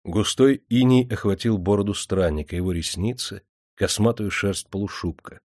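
A man narrating an audiobook in a steady, even storytelling manner. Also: fairly low pitch, normal speed, no room sound, clean studio sound. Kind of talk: scripted narration.

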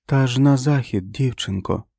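Very old woman prophet, voiced by a man, slow solemn preaching, higher voice, dry close recording. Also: creaky, dark tone, husky, no echo. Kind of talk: audiobook character voice.

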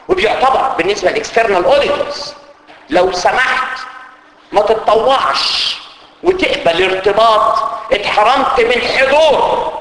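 An Egyptian man teaching a lively class, his fairly high voice leaping up and down as he jokes and explains. He sounds roomy, with a long hall reverb and faint ambience behind him. English technical terms slip into his Arabic. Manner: animated and joking, mixes English audit terms into Arabic. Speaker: internal audit course instructor.

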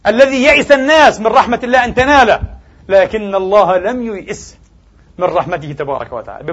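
A man's voice: high voice, husky, highs cut off. A male preacher giving a Friday sermon, emphatic and swinging his voice up and down, addressing the congregation as brothers and sisters. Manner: emphatic preaching, rising and falling sharply.

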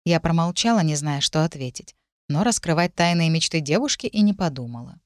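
A woman reading a first-person story aloud as narrator, in a steady, measured manner into a close microphone. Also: low voice, no echo. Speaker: audiobook narrator. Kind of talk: scripted narration.

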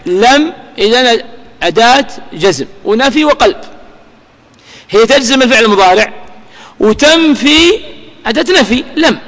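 Male teacher, high voice, quizzing students in a reverberant hall. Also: animated, moderate pace, long pauses, a bit bright. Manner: quizzing, prompting students for answers. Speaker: grammar teacher. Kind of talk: question-and-answer grammar lesson. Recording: long reverb of a large room.

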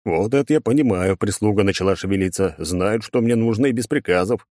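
A male narrator with a fairly low voice reads a first-person story in a measured, even manner. The recording is dry and close, with no room around it. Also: no echo. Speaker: audiobook narrator.

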